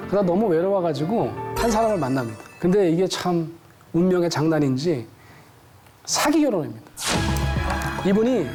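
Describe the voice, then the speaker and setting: A middle-aged woman telling a personal story in a lecture as a counselor, acting out the voices of the people in it. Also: deep voice. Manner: lively, acts out the voices of people in her stories. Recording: background music under the voice. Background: music.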